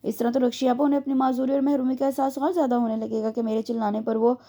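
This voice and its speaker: A woman reading an audio novel, voicing a timid, tearful young heroine who speaks in a soft, pleading way. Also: fairly high pitch, flat delivery, quick pace, pitched above the performer's own voice, close to an everyday voice.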